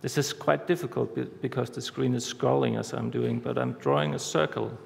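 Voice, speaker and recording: A man giving a conference talk, walking through a live demo step by step in a halting way, recorded in a large hall. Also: medium pitch, lively intonation, gravelly. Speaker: conference speaker. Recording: reverberant hall, faint background noise.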